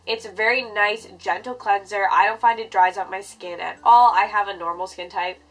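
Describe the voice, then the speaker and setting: A young woman talks to camera in a casual, chatty vlog style. Her nose sounds blocked by a cold, and her voice sits at a medium pitch for a woman. She comes across as informal and a little self-deprecating. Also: fairly even intonation, normal speed, low-quality recording. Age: 20s. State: congested, stuffy nose from a cold. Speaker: beauty vlogger. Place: furnished bedroom, indoors.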